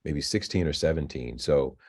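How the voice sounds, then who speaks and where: A man in his fifties, interviewed about his career, talking in a halting way with frequent restarts and repeated words. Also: rumbling low, a little mellow. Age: 50s. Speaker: filmmaker and novelist, alumnus guest. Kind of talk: interview, conversational. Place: virtual interview.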